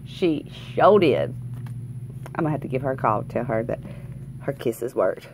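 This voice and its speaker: A woman's voice: a bass voice, expressive, moderate pace, a little mellow, a little hiss or hum. A woman with a Southern US accent chatting casually and exuberantly as a video host, folksy and often repeating phrases for emphasis. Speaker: lottery scratch-off video host. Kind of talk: casual excited vlog chat. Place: indoors at a tabletop, hands-only shot.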